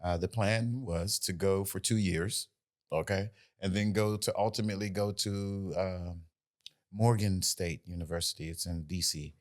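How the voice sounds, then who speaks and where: Appearing as an interview guest, this American man in his forties, a singer, recounts his life in a loose, meandering way full of fillers and false starts. His voice sits low, with fairly even intonation and an ordinary pace.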